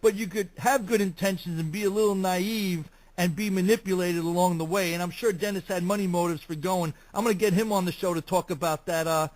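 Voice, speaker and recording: Brooklyn guy hosting an interview show, pretty high voice, chatty. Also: fairly even intonation, a little fast, a little mellow, low-quality recording. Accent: Brooklyn New York. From Brooklyn, New York. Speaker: talk show host.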